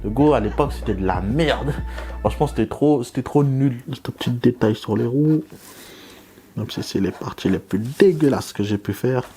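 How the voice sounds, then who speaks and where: A young man vlogging casually while he draws. He talks in slang, mocks himself and jumps up into excited bursts. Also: mid-range voice, normal speed, soft background music. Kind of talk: casual joking commentary while drawing.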